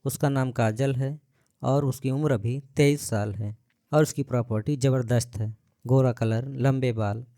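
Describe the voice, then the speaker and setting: A man narrating a first-person story with a chatty, confiding manner, turning to his listeners as friends. His voice is of middle pitch and recorded close and dry. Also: dark tone, no echo.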